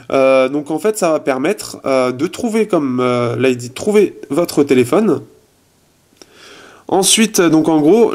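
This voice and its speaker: Slightly high-pitched guy chatting through a phone review in his apartment, rambly, lots of fillers. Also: darkish tone. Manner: chatty, many fillers, trails off while testing. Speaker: tech reviewer. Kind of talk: casual phone review demo. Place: his apartment, resonant room.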